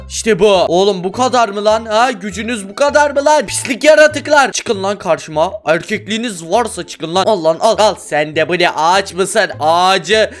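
A young man doing loud, excited commentary on a Minecraft play session, full of shouted exclamations. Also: high voice. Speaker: gaming YouTuber.

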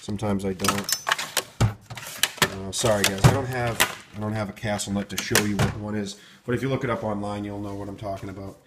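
A man's voice: on the low side, level tone, normal speed, very noisy. A man casually walking through hardware kits in his garage workshop, rambling with many ums and restarts, filmed on a handheld phone. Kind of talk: casual off-the-cuff product walkthrough. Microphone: handheld phone camera, speaker off-screen.

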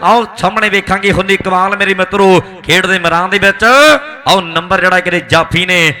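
A man with a Malwai Punjabi accent gives live kabaddi commentary in an excited, rhythmic hype style with repeated exclamations. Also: high-pitched, fairly quick. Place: outdoor village tournament ground.

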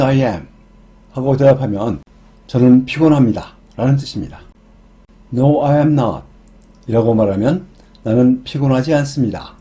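Slow, dark-voiced Korean man teaching. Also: medium pitch. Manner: reads English example sentences very slowly and deliberately. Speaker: English teacher. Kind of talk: scripted grammar lesson.

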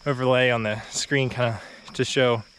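A young adult man strolls a quiet rural road, chatting at a moderate pace in a mid-range voice for his casual walking vlog. The uphill walk leaves him a little out of breath, but he stays relaxed, full of fillers and short laughs. Slight background noise accompanies a phone or action camera held at arm's length.

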